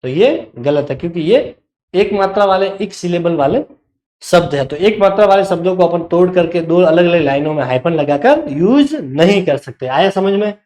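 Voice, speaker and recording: A man's voice: high voice, lively intonation, normal speed, a little mellow, echoey room. A male teacher giving an online class, explaining step by step and checking that students follow.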